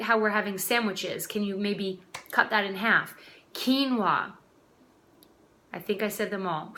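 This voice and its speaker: A woman's voice: medium pitch, bright, forceful tone. A woman in her twenties, a health coach, talking casually and directly to viewers from her dining room. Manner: chatty, direct, addresses viewers as guys. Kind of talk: casual vlog talk.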